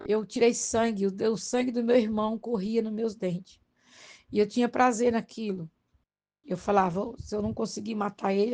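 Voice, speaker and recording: A woman's voice: medium pitch, a little mellow. A Brazilian woman giving a spoken religious testimony, telling her story earnestly with many restarts and pleading with listeners. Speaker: testimony giver.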